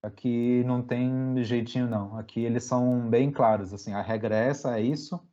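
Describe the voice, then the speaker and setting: Guest spot: young Brazilian man, loose slangy storyteller, mid-pitched voice, dull lo-fi line. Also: normal speed. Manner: relaxed slangy storytelling with many fillers. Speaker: podcast guest. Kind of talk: casual storytelling interview.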